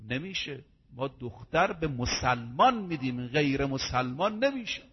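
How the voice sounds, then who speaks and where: A man voicing a shrewd male caliph who calmly lays out a scheme in a low, measured tone. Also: slightly rough. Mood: firm. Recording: dull reverberant hall recording.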